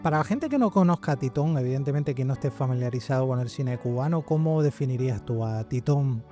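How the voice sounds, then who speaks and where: A man's voice: medium pitch, lively intonation, fast talker, warm tone, soft background music. A man who hosts a podcast, asking interview questions and adding short, encouraging replies. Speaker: podcast host.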